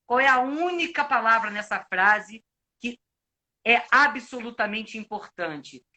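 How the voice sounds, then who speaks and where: Brazilian man, actor, bright voice, reflective explaining, restarts, video call. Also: extremely high pitch. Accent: Brazilian Portuguese. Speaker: actor and acting coach. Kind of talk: live video chat, giving advice.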